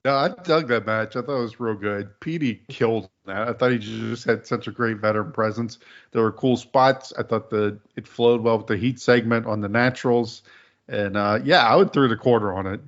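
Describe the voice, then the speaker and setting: A man co-hosting a casual podcast chat, talking in a relaxed, offhand way. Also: on the low side, normal speed, dull audio. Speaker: co-host.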